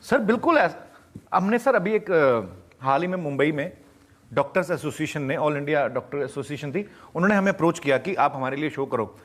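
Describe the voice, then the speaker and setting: A young man from Punjab, telling animated anecdotes as an interview guest and acting out the people in them. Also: fairly high pitch, brisk. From Punjab, India. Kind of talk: storytelling answers in a TV interview.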